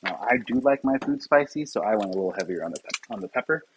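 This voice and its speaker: A man casually narrating as he cooks breakfast in his home kitchen, relaxed and talking to the camera with joking asides. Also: mid-range voice, quick pace, noisy background. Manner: relaxed, talks to camera while cooking, self-deprecating asides. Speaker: home cooking vlogger.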